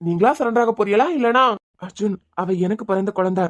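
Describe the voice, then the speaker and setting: A woman with a Kanyakumari Tamil accent voicing a guilt-ridden young father who pleads quietly in a cartoon. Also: medium pitch, a little fast, close to an everyday voice. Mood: remorseful.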